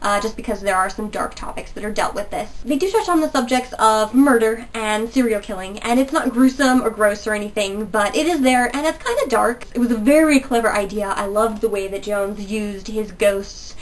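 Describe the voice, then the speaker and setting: A young woman in her twenties, stuffy-nosed from a cold, enthusiastically chats through a casual video book review in a small bedroom with posters. Her voice is medium-pitched, at a normal speed with hardly any pauses, picked up far from the mic in poor audio.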